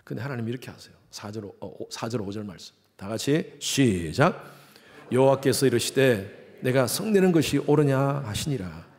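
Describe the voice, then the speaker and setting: A pastor preaches a Sunday sermon in a church sanctuary, his mid-range voice a little mellow with lively intonation and a moderate pace. He puts questions to the congregation and acts out the voices of the people he quotes.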